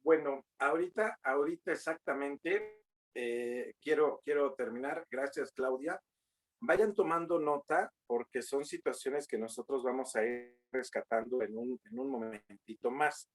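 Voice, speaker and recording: A man's voice: medium pitch, low-quality recording. A man moderating an online legal forum, with fillers, questions to the audience and joking asides. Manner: slow, drawn-out, filler-heavy, joking asides.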